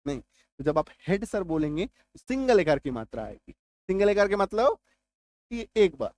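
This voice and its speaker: A man teaching a lesson patiently. He repeats points, drills sounds slowly and keeps checking whether listeners follow. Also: high voice, big pitch swings, a little mellow. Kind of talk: explanatory classroom-style lesson.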